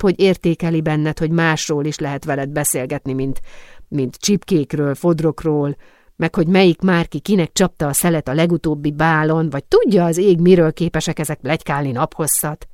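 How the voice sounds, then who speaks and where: A woman voicing a lively young woman cousin who is teasing, impatient and curious. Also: low voice, no echo, studio quality, close to an everyday voice.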